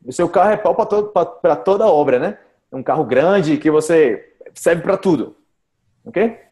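A Brazilian man teaches everyday Portuguese expressions to a group on a video call. His voice sits a little high, and he keeps repeating examples and asking "ok?". The sound is video-call audio. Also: lively intonation, unhurried, mellow. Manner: patient, repeats examples, says "ok?" and "cara" often.

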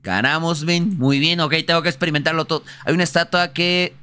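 A Mexican man doing casual live gameplay commentary, excitable and foul-mouthed, often bursting into shouts. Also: on the high side, brisk, smooth. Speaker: livestreamer playing a video game. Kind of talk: casual live gameplay commentary, translating on-screen text aloud.

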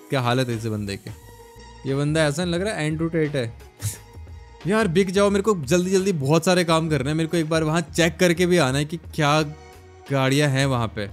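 A gaming YouTuber chats casually as he plays, thinking aloud and haggling over prices. His voice sits a little high. Faint game music plays under his desk-mic recording. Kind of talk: casual gameplay commentary.

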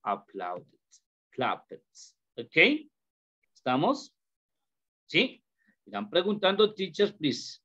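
Hombre profesor de inglés, habla lento. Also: male voice, a little high, very animated, fairly bright tone. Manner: slow, repeats questions to students, mixes English into Spanish. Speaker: English teacher. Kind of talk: online class lesson. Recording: dull lo-fi call audio.

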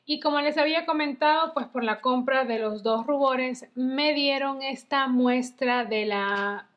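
A woman's voice: high-pitched, unhurried, highs cut off. A woman reviewing makeup in a chatty, casual way, full of diminutives. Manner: chatty, uses many diminutives. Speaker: beauty vlogger.

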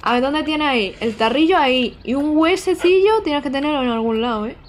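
A young woman talks over her gameplay in a bubbly, chatty way. Her voice sits a touch high. A faint hiss stays in the background. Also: fairly quick. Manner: excitable, chatty, with frequent squeals and giggles. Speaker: streamer playing a video game. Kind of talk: casual live-stream gameplay chat.

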